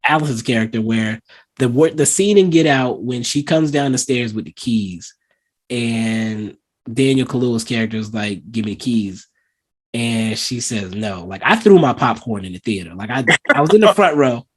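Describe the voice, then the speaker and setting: A man hosting a casual movie review podcast, chatting loosely with lots of fillers and acting out scenes in lively voices. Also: medium pitch, moderate pace. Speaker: podcast host.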